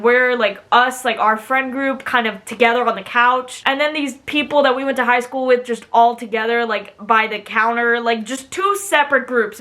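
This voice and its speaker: A woman's voice: a little high, bright, forceful tone. A young woman with an American accent tells a personal story in a casual, rambling way, with exasperated emphasis and dramatic asides. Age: young adult. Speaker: vlogger telling a personal story.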